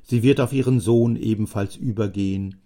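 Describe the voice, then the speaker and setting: A man voicing a talkative, scheming old uncle who speaks in smooth, self-important phrases. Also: fairly low pitch, moderate pace, dark tone, lightly acted.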